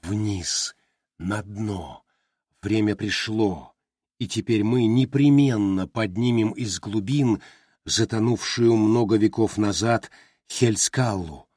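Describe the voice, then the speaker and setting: An ancient, enormous creature from a fantasy audiobook, issuing orders in a slow, deliberate, booming voice, as a male narrator puts it on. The tone is husky and weighty. The reading is dry and close to the mic. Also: mellow, no room sound. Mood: solemn. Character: vast ancient sea creature, commanding and deliberate.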